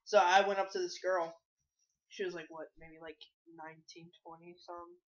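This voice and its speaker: A man's voice: sits high, little pitch movement, fairly quick, dull audio. A man on a casual podcast, telling an awkward story in a joking way.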